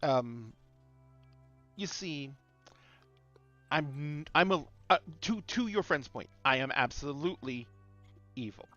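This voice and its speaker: A man playing an ancient, boastful, evil lich in a tabletop game, bargaining with deliberate, dramatic pauses. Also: a little high, lively intonation, bright, forceful tone, muffled recording, soft background music, full character voice. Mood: coldly menacing.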